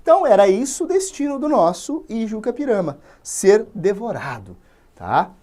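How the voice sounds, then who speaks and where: A man's voice: high voice, big pitch swings, normal speed, dark tone. A man with a Brazilian accent teaching literature in an informal, slangy storytelling way, full of tag questions.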